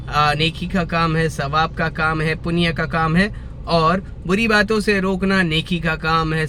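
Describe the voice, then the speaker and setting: A man vlogging slowly and earnestly about faith, repeating his points and reciting devotional verse, with a lingering cough that keeps breaking in. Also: high voice, a bit bright, a little hiss or hum. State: lingering cough, clears throat often. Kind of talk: slow reflective religious talk to camera.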